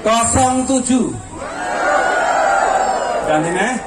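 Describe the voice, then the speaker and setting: A male prize announcer with a Javanese accent booms out over an echoing outdoor PA. His voice is high and his delivery unhurried. Loud crowd noise surrounds him. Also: expressive. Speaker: prize draw announcer, emcee. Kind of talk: live doorprize announcing to a crowd. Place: outdoor stage at a community event. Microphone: handheld PA microphone, filmed from a few metres. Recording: echoey outdoor PA, distant mic, noisy crowd. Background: large crowd noise.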